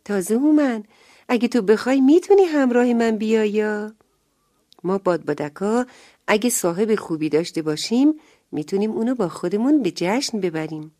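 Storybook kite, gentle, reassuring, warm lively voice, as a woman puts it on. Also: mid-range voice, no echo, clean studio sound, close to an everyday voice. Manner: soft, reassuring. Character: gentle friendly talking blue kite.

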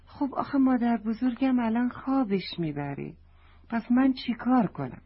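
A woman voicing a curious, eager little girl in a children's story, softly and a bit breathily, on a dull lo-fi recording. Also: fairly high pitch, husky.

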